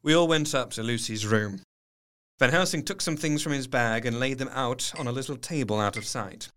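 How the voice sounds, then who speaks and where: An actor playing an earnest, observant male doctor narrating his diary in an audio drama, articulate and measured. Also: medium pitch, fairly bright tone, a little hiss or hum, natural voice. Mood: grave, observant. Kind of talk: scripted first-person narration, audio drama.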